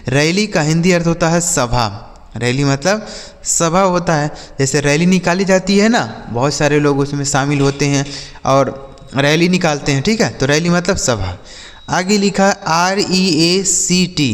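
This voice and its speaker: A man teaching English words to children, spelling each word out letter by letter and repeating every example slowly. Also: a little high, big-room sound. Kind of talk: vocabulary lesson for children.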